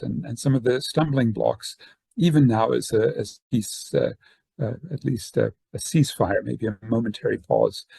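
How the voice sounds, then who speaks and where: Presenting at a conference via video call, an older academic and activist speaks in a hesitant, discursive, semi-formal style. He was born in Northern Ireland and grew up in the American South; his voice is medium-pitched, creaky, a little mellow, and breathy, with no echo.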